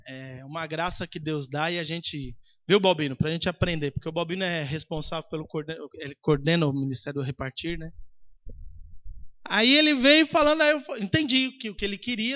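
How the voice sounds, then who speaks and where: Lively high-voiced Brazilian preacher. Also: male voice, highs cut off. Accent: Brazilian Portuguese. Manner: animated, acts out dialogue, addresses congregation as brothers. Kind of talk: sermon testimony storytelling.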